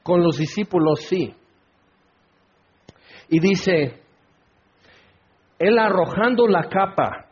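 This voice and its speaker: A man preaching a sermon in an animated way, acting out the crowd's voices. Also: sits high, slow, long pauses, slightly rough. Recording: dull lo-fi recording.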